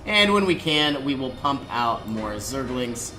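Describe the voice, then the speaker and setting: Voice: mid-range voice, big pitch swings, a little slow, music in the background. A person giving casual walkthrough commentary while playing a strategy game. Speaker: gameplay commentator. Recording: noisy, game sound behind voice. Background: strategy game sounds.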